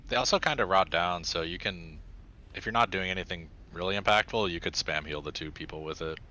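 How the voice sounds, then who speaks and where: Low bright-toned male raider. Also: brisk, rough recording. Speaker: raid member. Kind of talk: casual strategy talk on voice chat.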